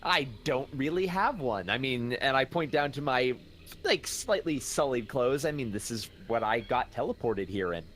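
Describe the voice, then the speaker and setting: A man's voice: mid-range voice, animated, moderate pace, fairly bright tone, slight background noise. A man playing a tabletop game, speaking eagerly and stammering as he chats in character. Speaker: player.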